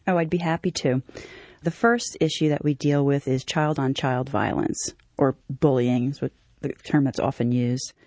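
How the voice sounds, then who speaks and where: A woman with a lowish voice speaks as a guest expert on child safety. She explains her points earnestly and steadily. The sound is close and dry. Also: steady tone, normal speed, darkish tone, dry recording. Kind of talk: interview answers.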